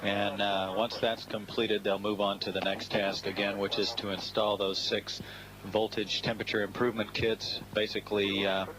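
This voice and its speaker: Low, flat male mission commentator. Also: normal speed. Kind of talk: unscripted explanatory spaceflight commentary. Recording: noisy radio broadcast feed.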